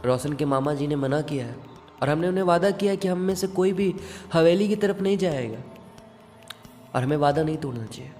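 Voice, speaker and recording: A man's voice: fairly high pitch, lively intonation, a little fast, a little mellow, natural voice. A man voicing a cautious young man who hesitantly refuses to break a promise, in a horror story. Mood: reluctant. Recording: long reverb with background music.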